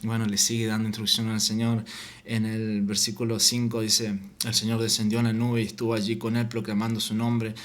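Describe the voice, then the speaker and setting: A man giving an informal Bible teaching, reading scripture aloud and often halting and repeating words. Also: fairly low pitch, monotone. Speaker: preacher.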